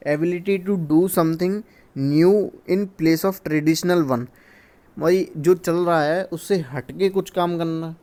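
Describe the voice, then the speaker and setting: A man from India walking through exam questions as a teacher, reading the English questions slowly and then explaining them in Hindi. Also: fairly high pitch, dark tone, clear, resonant tone.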